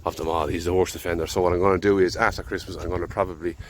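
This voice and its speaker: Racing along in a low, level voice, an Irish man narrates a casual farm vlog outdoors in a field, slight background noise audible. He's fighting a head cold and rambles easygoingly while thinking out loud.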